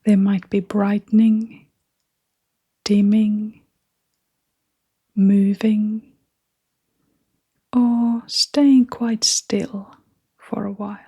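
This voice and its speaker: Her mid-range voice, flat in delivery, comes out as a soft, breathy half-whisper as she leads a guided meditation. The woman phrases things gently and without hurry.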